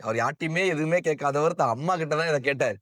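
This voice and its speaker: A man's voice: fast, a bit bright, no echo, studio quality. A man telling a devotional epic story with colloquial asides, his voice swelling and dropping with emotion. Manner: emotive, swells and drops in pitch and volume; colloquial spoken asides to listeners. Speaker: storyteller and motivational speaker.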